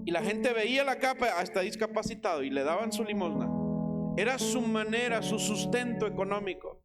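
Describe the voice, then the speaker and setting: A Mexican pastor preaches in church, a man whose voice sits high. He tells the story vividly and shouts out the quoted lines. Loud guitar music plays behind him the whole time. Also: moderate pace. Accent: Mexican Spanish. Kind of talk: sermon.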